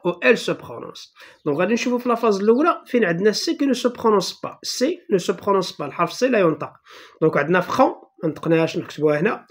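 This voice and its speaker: A teacher with a Moroccan Arabic accent who explains a primary-school French lesson patiently and step by step, reading French words slowly and then explaining them at a quick clip. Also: mid-range voice.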